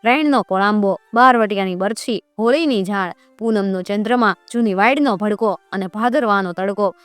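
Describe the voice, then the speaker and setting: A woman's voice: medium pitch, normal speed, fairly bright tone, dry recording, soft background music. A woman telling a folk tale with drama, acting out the characters' cries and lines.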